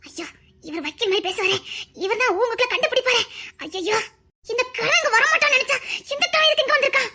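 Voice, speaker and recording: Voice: extremely high pitch, fast talker, sharp tone, full character voice. A performer playing a scheming middle-aged village aunt with a Tirunelveli Tamil accent, swinging between melodramatic wailing and sly plotting asides in a comedy skit.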